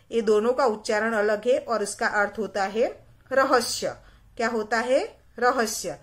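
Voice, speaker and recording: A woman's voice: medium pitch, a bit bright. Patient woman teaching young children. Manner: patient, explanatory, repeats key words as questions. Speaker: school teacher. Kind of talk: recorded classroom lesson for young children.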